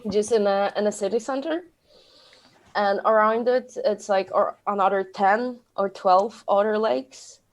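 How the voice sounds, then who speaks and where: Polish woman podcast co-host, mid pitch, halting non-native phrasing, casual. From Poland. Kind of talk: casual chat.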